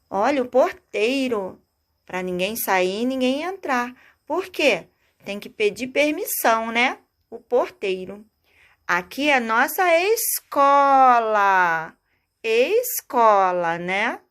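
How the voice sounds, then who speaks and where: A woman teacher giving a recorded lesson to small children, animated and coaxing, drawing out her key words. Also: high-pitched.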